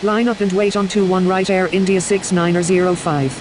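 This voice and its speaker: A woman's voice: on the low side, fairly even intonation, normal speed, close to an everyday voice. A woman playing a businesslike airline pilot over the radio, speaking in procedural phraseology. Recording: noisy radio with engine-like ambience.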